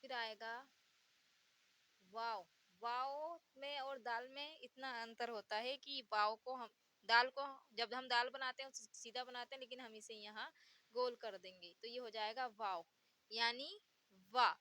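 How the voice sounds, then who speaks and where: A woman's voice: fairly high pitch, steady tone, measured pace, sharp tone. A woman teaching the Urdu alphabet, patiently repeating each letter's sound and giving example words. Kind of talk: slow letter-by-letter pronunciation lesson.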